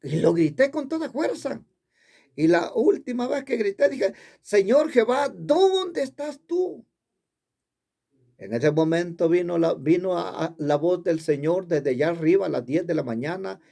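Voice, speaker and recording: A man's voice: a little high, expressive, moderate pace, gravelly, mellow. A man preaching a sermon, telling a personal story in an earnest way and repeating his phrases. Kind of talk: sermon testimony.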